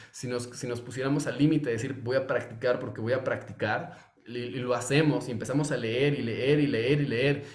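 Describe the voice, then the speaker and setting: Man, course teacher, casual lecturing, restarts and fillers, roomy echoey recording. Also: medium pitch. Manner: conversational, many fillers and restarts. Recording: echoey room.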